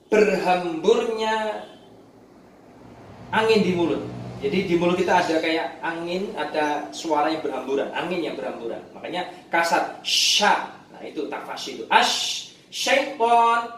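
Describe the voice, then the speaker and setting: An echoing, slightly distant recording of a man with a high voice giving a beginners' recitation lesson. He explains didactically, restating each point and sounding out syllables, with faint noise underneath. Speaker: Quran recitation teacher. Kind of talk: instructional lesson for beginners, demonstrating letter sounds. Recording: roomy echo, distant mic, faint noise.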